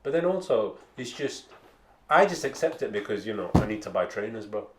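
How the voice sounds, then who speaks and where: A man's voice: lowish voice, very animated, fairly quick, echoey room. A man co-hosting a comedy podcast, grumbling and ranting about the world in casual chat. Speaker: podcast co-host.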